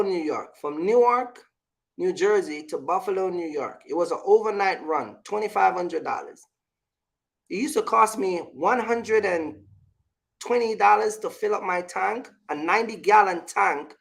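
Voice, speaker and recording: High and touched with vocal fry, this man's voice carries casual vlog chatter. Emphatic and repetitive, he mixes business tips with stories from his own life and keeps checking in with his audience.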